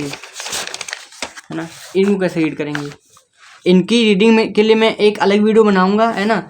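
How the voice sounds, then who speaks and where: A man's voice: high voice, darkish tone, slight background noise. A man teaching beginners to read, going letter by letter and checking in with the listener. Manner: patient, spells words letter by letter, keeps checking in with the listener. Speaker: English reading teacher. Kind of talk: step-by-step spoken lesson.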